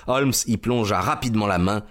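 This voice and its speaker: An actor narrating a detective case as the detective's male companion, in a measured storytelling way. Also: lowish voice, a bit bright, natural voice. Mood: calm. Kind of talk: scripted narration.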